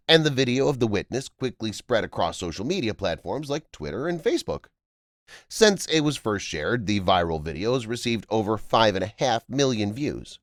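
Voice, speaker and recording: Male narrator for scripted viral-news explainer. Formal, measured delivery with lively, varied pitch; very dry recording. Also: no room sound. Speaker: narrator of a viral-story video channel.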